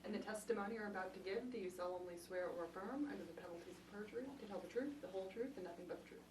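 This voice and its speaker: A woman court reporter reciting a formal oath by rote, in a fast, flat clerk's manner. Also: medium pitch. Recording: echoey, far from mic, clearly noisy.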